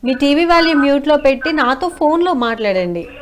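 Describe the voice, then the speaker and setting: A woman hosting a live phone-in health show, politely and briskly questioning the callers. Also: high-pitched, animated, a little hiss or hum. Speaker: show host taking calls.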